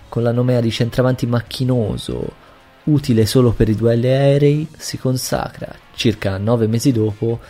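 Low, gravelly male podcast narrator. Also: dark tone. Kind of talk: scripted sports history narration. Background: faint music.

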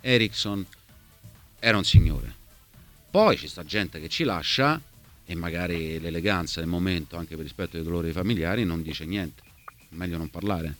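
A man's voice: deep voice, normal speed, fairly bright tone, faint music behind. A man speaks. He talks emphatically and off the cuff, as in a talk show, repeating words and phrases to drive them home. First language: Italian. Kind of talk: unscripted talk show conversation.

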